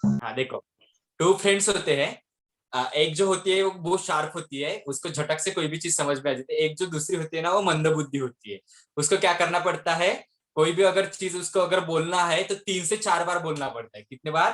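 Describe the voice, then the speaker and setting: A man's voice: a little high, brisk, a bit bright. A male teacher giving an online class lecture, constantly quizzing his students with repeated questions. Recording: echoey room audio.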